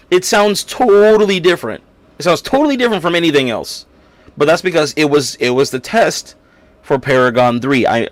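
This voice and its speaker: A man's voice: medium pitch, no echo. A man hosting a casual livestream, talking in a rambling way and reading viewers' chat aloud. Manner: rambling and casual, with many restarts and fillers. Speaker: livestream host.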